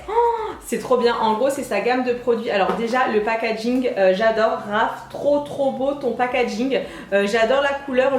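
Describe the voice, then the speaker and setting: Young woman, high voice, gushing, chatty unboxing vlog, roomy echo. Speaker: beauty vlogger. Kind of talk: casual unboxing chat.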